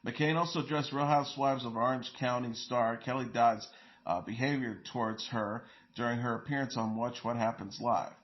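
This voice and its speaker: A man's voice: medium pitch, steady tone, normal speed, muffled recording. A man hosting an entertainment news show, reading stories and quotes in a plain delivery with small slips and fillers.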